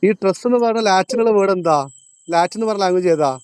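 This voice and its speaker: A man teaches a classroom lesson in a high voice. He quizzes his students and repeats each point, slowing down on the key terms. The sound is dry, with no echo. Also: darkish tone, clear, resonant tone. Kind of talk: classroom lecture.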